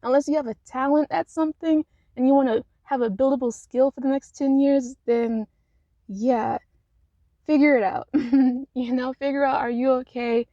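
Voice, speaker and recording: A woman's voice: sits high, fairly even intonation, moderate pace, warm tone, dry recording, muffled recording. Chatty woman rambling in a parked car. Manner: rambling, chatty, laughs often, lots of fillers. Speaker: vlogger. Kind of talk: casual advice vlog.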